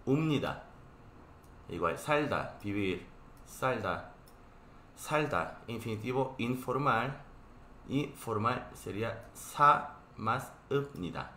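A man's voice: medium pitch, lively intonation, slow, sharp tone, reverberant, slight background noise. A man with a Korean accent teaching a live online Korean class, explaining patiently and checking in often with his students.

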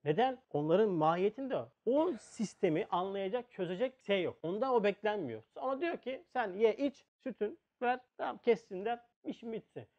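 A man teaching a religious lesson, full of rhetorical questions and swinging between loud stresses and hushed asides. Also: high voice, lively intonation, moderate pace, hardly any pauses, lo-fi sound. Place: on a pulpit or lecture seat.

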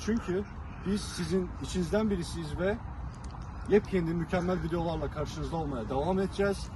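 On a city street, a brisk man with a high voice presents casual vox-pop interviews, talking to the audience and echoing back what people say. Outdoor traffic is clearly audible in the recording.

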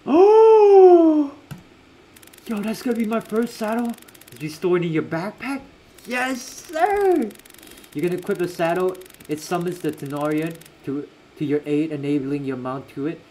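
A young man with a high-sitting but dark-toned voice provides casual live commentary on a game as he livestreams, chatting with viewers. He's slangy and reactive and tends to repeat himself, with slight background noise in the audio.

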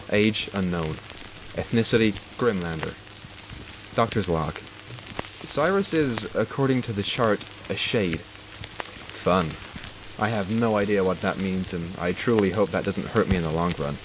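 A voice actor plays a curious, wry male doctor in an audio drama, dictating log entries about his studies of supernatural captives. His low-pitched delivery is measured, formal, and dryly sardonic. The lo-fi recording sounds dull, with music and some noise in the background.

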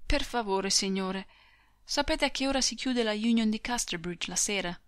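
A woman's voice: mid-range voice, moderate pace, a bit bright, dry recording, clean studio sound, natural voice. A woman reading the part of a poor, exhausted young woman in an audiobook, speaking faintly and timidly.

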